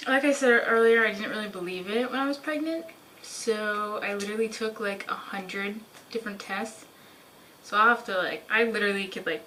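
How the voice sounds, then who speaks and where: A woman's voice: fairly high pitch, fairly bright tone, a little hiss or hum, rough recording. A young woman chatting casually in a vlog, full of "like" fillers, talking at home. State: out of breath at the start. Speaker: vlogger. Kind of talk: casual pregnancy update vlog. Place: home, living in England.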